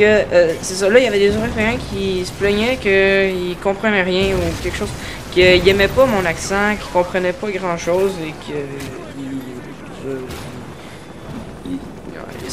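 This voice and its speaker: Over a noisy background, a high-pitched male gaming YouTuber from Quebec, Canada, casually presents his channel while gameplay runs. His Québécois accent comes through as he hesitates, uses many fillers, and works to pronounce things carefully.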